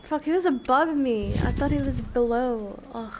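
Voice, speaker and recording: High-voiced woman gaming streamer. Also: a crowd in the background. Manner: playful, quick to protest. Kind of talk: casual gaming chat. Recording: live stream with loud music.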